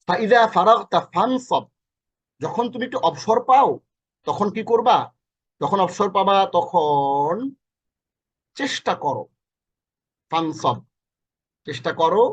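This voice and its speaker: A man's voice: sits high, lively intonation, a little slow, pauses often, husky, muffled recording. A man teaching a Quran lesson in Bangladeshi Bengali, going over each meaning again and again in a chatty way. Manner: repeats each meaning several times, colloquial asides; corrects himself mid-lesson. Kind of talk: recorded lesson explaining Arabic verses.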